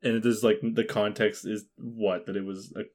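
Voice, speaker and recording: A man's voice: lowish voice, little pitch movement, moderate pace, darkish tone. A man chatting casually about a film on a podcast, rambling with many fillers and frequent laughter.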